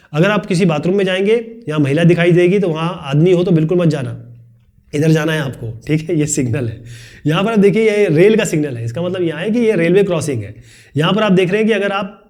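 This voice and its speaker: A man with a fairly high voice teaches a tutorial at a brisk clip. He talks chattily, explaining points through everyday examples and throwing in light asides along the way. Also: darkish tone. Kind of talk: fast-paced Hindi tutorial lecture.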